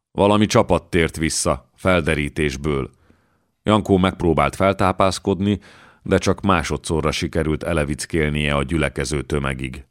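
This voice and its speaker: A man reading an audiobook in a steady, measured narration, close to the mic. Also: extremely low pitch, no room sound. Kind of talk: scripted narration.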